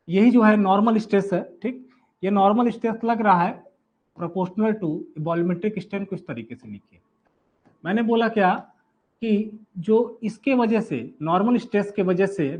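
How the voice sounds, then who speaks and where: A male tutor with a high voice gives a classroom lecture on an engineering topic. He keeps putting questions to the class and answering them himself, repeating each term. The sound is thin and phone-like.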